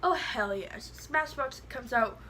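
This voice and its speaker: Woman, fairly high pitch, lisp with slushy s, casual rambling review style, blunt, faint background noise. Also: slow, sharp tone. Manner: blunt, rambling, heavy use of "like". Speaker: beauty product reviewer. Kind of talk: casual product review chat.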